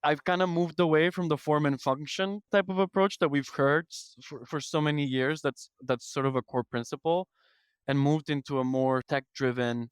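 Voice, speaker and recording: Recorded without any room sound, a man in his thirties with an Ecuadorian accent speaks in a clean, mid-range voice. He's a podcast guest and product executive whose conversational answers come across as considered and well-spoken, with ideas listed in order.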